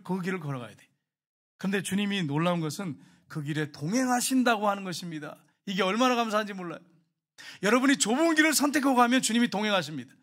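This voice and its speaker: Man, pastor, sermon, high voice, emphatic, rises and drops in volume, asks the congregation questions. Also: fairly bright tone. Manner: emphatic preaching, rising and falling in volume; addresses the congregation directly with questions.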